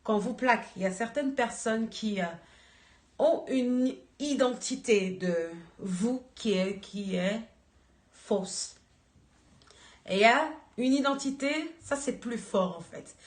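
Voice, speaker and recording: Brief: slow, earnest woman exhorting a church group, echoey room. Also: fairly high pitch. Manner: slow, earnest, searching for words. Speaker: church member giving an exhortation.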